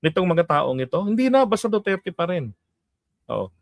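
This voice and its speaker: A high-voiced middle-aged man from the Philippines runs his own commentary show. He talks in a loose, chatty way, laughs often and keeps asking his listeners to agree. The recording is dry and close, with no room sound. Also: sing-song, normal speed, gravelly, dry recording. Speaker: political commentary host. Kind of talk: casual political commentary.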